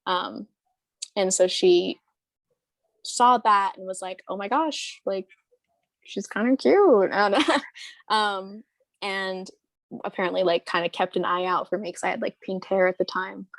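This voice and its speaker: A woman's voice: medium pitch, steady tone, unhurried, pauses often, no room sound. A woman in her early twenties, talking casually as an interview guest, rambling with lots of fillers and restarts. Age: 20s. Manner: rambling, hesitant, many fillers and restarts, laughs often.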